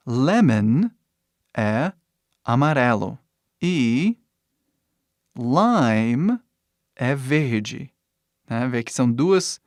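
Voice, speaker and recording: Slow, patient male language teacher. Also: medium pitch, a little mellow, no echo, studio quality. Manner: patient, repeats words slowly and adds little checks of understanding. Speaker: English teacher. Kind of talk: vocabulary lesson explaining words and pronunciation.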